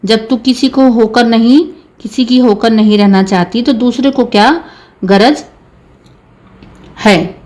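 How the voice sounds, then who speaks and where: A woman's voice: on the high side, slow, long pauses, darkish tone. A woman voicing a stubborn, hurt village husband with a bitter, sulky manner in a read-aloud story.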